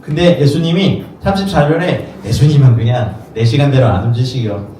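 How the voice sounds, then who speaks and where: A man's voice: mid-range voice, brisk, warm tone. A man preaching a sermon as pastor, in a conversational way, often acting out the voices of people in the story. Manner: conversational, acts out quoted voices. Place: rented studio space used for worship. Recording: echoey room, mic at a distance, faint noise.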